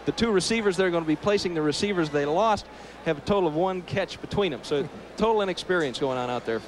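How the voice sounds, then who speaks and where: Male football analyst, high voice, live broadcast with clear background noise. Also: lively intonation, fast. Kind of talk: live sports commentary. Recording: noisy outdoor stadium broadcast.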